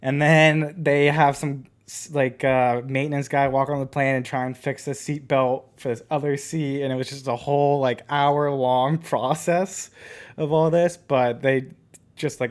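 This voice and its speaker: A man's voice: medium pitch, level tone, normal speed. A man co-hosting a podcast, casually telling a rambling story full of filler words. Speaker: podcast co-host.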